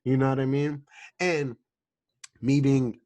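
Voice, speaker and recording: A man's voice: medium pitch, steady tone, takes it slowly, mellow. A man in his twenties, casually chatting as a podcast host, slangy and given to repeating words as he tells a story. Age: 20s. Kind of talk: casual chat.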